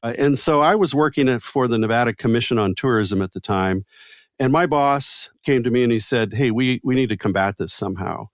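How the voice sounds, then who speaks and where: An older man, a guest author and former magazine publisher, telling stories in a relaxed interview with frequent fillers and restarts. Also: mid-range voice, brisk, no room sound, studio quality.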